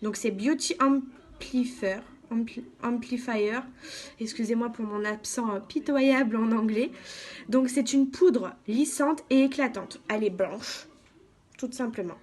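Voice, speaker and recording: A woman giving a calm, step-by-step makeup tutorial as a beauty vlogger, often saying "donc" and "voilà". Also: fairly high pitch.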